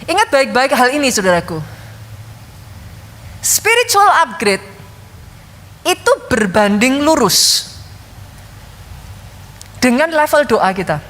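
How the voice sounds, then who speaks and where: A middle-aged woman pastor preaching a sermon to her congregation, telling lively stories and addressing them often. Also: high-pitched, slow pace, long pauses. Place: large church hall. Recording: long hall reverb.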